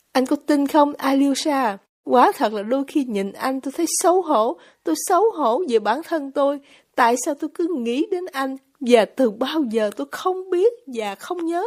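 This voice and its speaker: A woman's voice: high voice, darkish tone, pitched above the performer's own voice. A woman voicing a passionate young woman in an audiobook, speaking with heightened, pleading emotion. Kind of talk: audiobook character reading.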